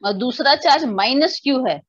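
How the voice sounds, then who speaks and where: Woman, physics teacher, patient step-by-step online lecture, higher voice, dull close-miked sound. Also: lively intonation, normal speed, slightly rough, no echo. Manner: explains step by step, often asking students if they understood; mixes English definitions into the explanation.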